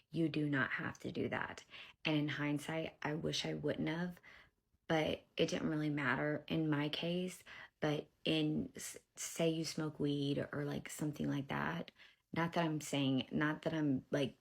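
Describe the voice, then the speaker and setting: A woman's voice: sits low, vocal fry, breathy edge. A young woman casually telling her own story to camera, acting out what others said and dropping to whispers at tense moments. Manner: animated retelling, acting out dialogue, drops to whispers.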